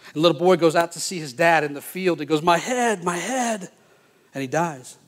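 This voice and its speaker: A man preaching a sermon, telling Bible stories in a folksy, animated way with playful asides. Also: fairly high pitch, fast. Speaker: pastor.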